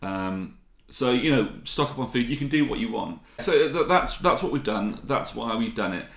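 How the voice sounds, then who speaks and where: A man's voice: mid-range voice, lively intonation, moderate pace, vocal fry, fairly bright tone, roomy sound. A man in his forties from the UK, co-hosting a podcast in casual chat, rambling with restarts and fillers. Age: 40s. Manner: rambling, many restarts and ums. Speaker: podcast co-host.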